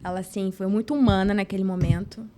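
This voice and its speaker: A woman from São Gonçalo in Rio de Janeiro state, Brazil, appears as a podcast guest and tells a personal story earnestly and emotionally, acting out the dialogue. She talks fast in a dark, mid-range voice with fairly even intonation, and there's a slight hiss or hum.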